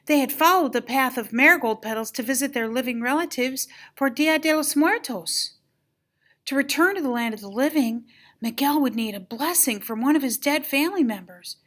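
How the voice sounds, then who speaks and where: An older woman with a high, grandmotherly voice reads a children's story aloud at normal speed. She's animated and expressive, putting dramatic emphasis on exclamations and key moments.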